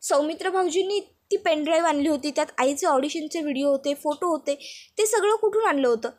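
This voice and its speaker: A woman's voice: sits high, brisk, close to an everyday voice. A woman voicing an earnest, pleading young daughter-in-law in a retold serial. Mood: determined. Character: tearful young daughter-in-law searching for her mother.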